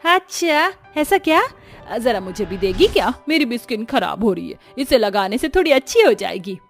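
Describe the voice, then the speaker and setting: Bossy older mother-in-law, voiced by a woman, loud, dramatic, wailing, cartoon story, soft music behind. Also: on the high side, very animated, moderate pace. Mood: bossy, stubborn. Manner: wails and complains loudly.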